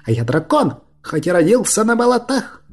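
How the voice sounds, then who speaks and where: A man's voice: sits high, sing-song, normal speed, a little mellow, slightly rough, voice pushed up, exaggerated voice. A man voicing a small, proud water dragon from the swamps, mocking and defiant. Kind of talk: audiobook character voice.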